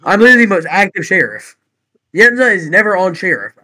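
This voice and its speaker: A man's voice: sits high, big pitch swings, quick pace, pushed and bright, no room sound, rough recording. A man in casual voice chat, complaining and fed up.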